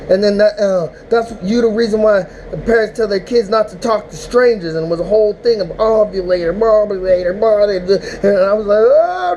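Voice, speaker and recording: Rambling, animated man, warm voice. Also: high-pitched, a little hiss or hum, poor audio. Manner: animated, rambling, mock-emotional outbursts. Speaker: battle rap recap host. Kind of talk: casual vlog recap. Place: indoors, smoking while talking.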